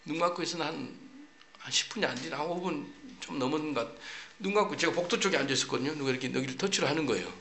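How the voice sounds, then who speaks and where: A man preaching a sermon, telling a personal testimony in an animated storytelling way and acting out what he once said. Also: fairly high pitch, rapid-fire, roomy sound, a little hiss or hum. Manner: animated storytelling, acts out his own English quotes.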